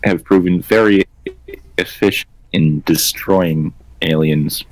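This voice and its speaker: A man voicing a calm female combat robot in a tabletop game, speaking slowly and deliberately. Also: low-pitched, no room sound, low-quality recording.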